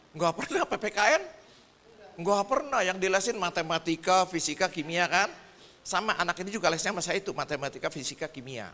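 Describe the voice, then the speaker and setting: Chatty high-voiced male preacher. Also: pushed and bright, long reverb tail. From Indonesia. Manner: chatty, addresses the audience directly, jokes about himself. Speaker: preacher and teacher. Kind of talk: lively storytelling sermon.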